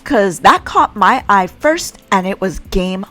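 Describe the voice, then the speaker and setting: A woman's voice: medium pitch, animated, unhurried, sharp tone, faint music behind. A woman vlogging casually aboard a cruise ship, chatting upbeat and directly to her viewers. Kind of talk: casual vlog narration.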